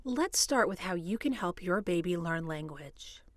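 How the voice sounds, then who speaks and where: A woman presenting an educational video, explaining in a calm, clear way. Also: on the low side, a little slow, slight background noise. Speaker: hospital staff presenter. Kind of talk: scripted educational narration.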